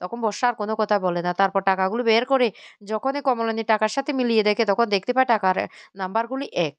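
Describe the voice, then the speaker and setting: A woman narrating a family drama episode, moving quickly from one scene to the next. Her voice is fairly high, smooth and clear, and sounds dry and close to the mic. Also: dry recording, muffled recording. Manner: rapid, plain storytelling. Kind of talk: retelling a TV serial episode.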